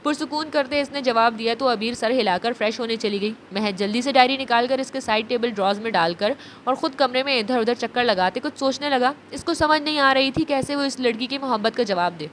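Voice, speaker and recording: A woman narrating a romance novel in a steady, even storytelling manner. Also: fairly high pitch, slight background noise.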